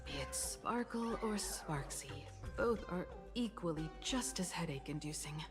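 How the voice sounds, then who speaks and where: A woman voicing a composed young woman companion who speaks in a steady, reassuring, measured way. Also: lowish voice, music in the background. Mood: calm.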